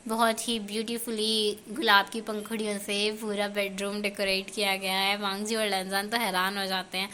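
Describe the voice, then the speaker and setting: A woman narrating fan fiction as a lively storybook reading. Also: medium pitch, moderate pace, hardly any pauses, slight background noise.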